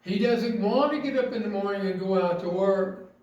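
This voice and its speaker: Echoey, high-voiced man preaching on marriage. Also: darkish tone, distant mic, dull audio. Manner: earnest, rhetorical questions, slow emphatic phrasing. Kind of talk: sermon. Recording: very echoey, from off mic.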